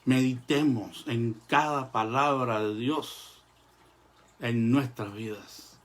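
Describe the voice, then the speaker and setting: Male preacher, mid-range voice, earnest measured sermon delivery with frequent pauses. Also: medium pitch. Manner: addresses the congregation as brothers.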